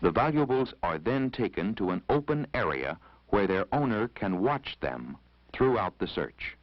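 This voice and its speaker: An American man with a voice on the low side narrates an instructional film in a sing-song yet formal, measured, authoritative way. The vintage 1970s soundtrack is recorded dry, with the highs cut off.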